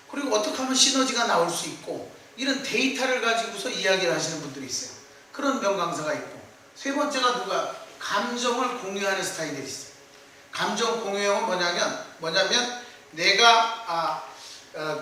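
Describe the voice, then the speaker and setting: A middle-aged man giving a public lecture, telling stories with quick asides to the audience. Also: sits high, sharp tone, slight background noise. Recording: echoey hall, distant mic.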